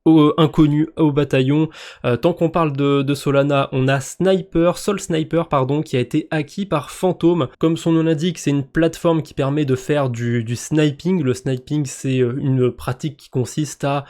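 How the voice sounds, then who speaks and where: A man's voice: fairly high pitch, fairly even intonation, moderate pace, darkish tone. A man with a French accent hosting a crypto news roundup, talking casually and hesitantly with lots of fillers and restarts.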